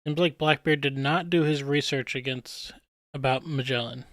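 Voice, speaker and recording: A man giving relaxed, rambling commentary on comic panels as a streamer, chuckling at himself now and then. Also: medium pitch, normal speed, no echo, clean studio sound. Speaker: streamer analyzing manga panels. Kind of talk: casual commentary.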